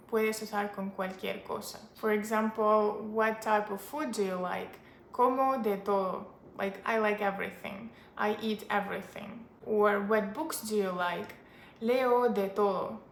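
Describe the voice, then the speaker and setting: Woman, language teacher, chatty, upbeat, repeats phrases slowly, roomy echo, faint background hum. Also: mid-range voice. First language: not Spanish or English. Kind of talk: casual language lesson to camera.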